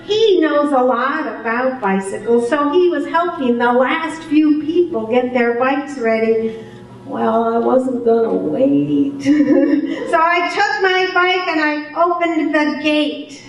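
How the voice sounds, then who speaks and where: An older woman tells a personal story to a live audience, unhurried and expressive, with a bright, fairly high voice. She stands well back from the microphone, and her words ring out in a very echoey hall. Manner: unhurried, expressive delivery with amused laughter. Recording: very echoey hall, voice far from the mic.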